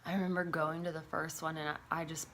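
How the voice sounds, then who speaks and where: Woman vlogger with a low-leaning voice, confessional storytelling, loose and filler-heavy. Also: flat delivery, fast talker, a bit bright, a little hiss or hum. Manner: casual, confessional, lots of "like" fillers; swears casually. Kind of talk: personal storytelling to camera.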